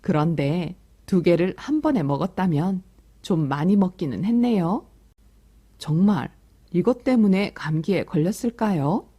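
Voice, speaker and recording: Her voice is on the low side, dark and a bit breathy, animated yet unhurried. She is a storytelling teacher reading a picture book aloud to little kids, adding comments and calming them as she goes.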